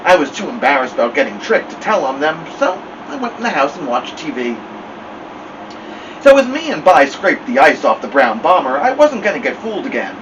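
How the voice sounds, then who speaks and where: A man reads a novel aloud for a story time, with animated, lively delivery. His voice sits somewhat raised. The mic is set back from him, and an air conditioner hums clearly behind. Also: a little high, fairly quick, recorded from a distance, dull audio, background noise. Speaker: storytime host.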